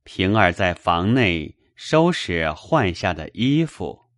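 A man narrating a classic novel in a measured audiobook reading. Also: sits low, dry recording, studio quality. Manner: measured, steady storytelling.

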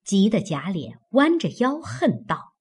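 A woman narrating a classic novel in a slow, measured storytelling manner. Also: medium pitch, sing-song, a little mellow, breathy edge.

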